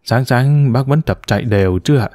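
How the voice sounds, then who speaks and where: A man's voice: mid-range voice, normal speed, darkish tone, no echo, studio quality, close to an everyday voice. A man reading a story, voicing a polite, somewhat flustered older grandfather who talks courteously and hesitantly.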